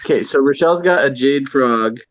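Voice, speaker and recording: A man's voice: medium pitch, fairly quick. A man playing a tabletop game, speaking in a matter-of-fact way. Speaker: player.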